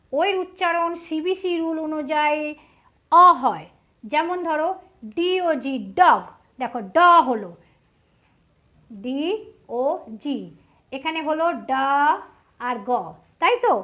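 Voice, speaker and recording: A woman teaching English spelling, sounding out each letter slowly and with emphasis. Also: sits high. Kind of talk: patient step-by-step tutorial.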